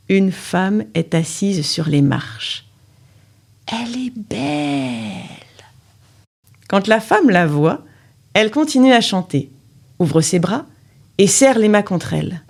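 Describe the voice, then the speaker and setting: Breathy, slow woman storyteller. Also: medium pitch. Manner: expressive, dramatic storytelling. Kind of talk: children's story reading.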